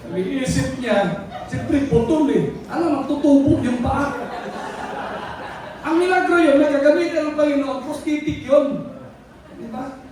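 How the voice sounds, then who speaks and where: A male pastor preaching a sermon, telling stories with laughs and now and then shouting out calls. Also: very high-pitched, unhurried, pauses often, crowd noise. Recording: very echoey hall from far off.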